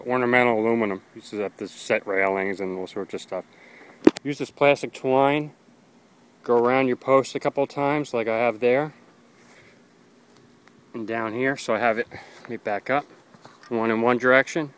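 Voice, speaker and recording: A man's voice: mid-range voice, fairly even intonation, moderate pace, fairly bright tone, clear, resonant tone, poor audio. A man casually narrating a how-to project in his backyard, talking plainly through each step with fillers, at times out of breath from digging. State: tired, catching his breath. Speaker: amateur radio hobbyist, DIY video maker. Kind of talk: casual how-to narration while working outdoors. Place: backyard outdoors.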